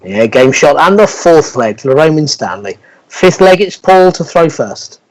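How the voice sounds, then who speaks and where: A man's voice: on the high side, big pitch swings, a little slow, poor audio. A middle-aged man working as referee and score caller in a darts match, announcing legs and required scores. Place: indoors on a video call.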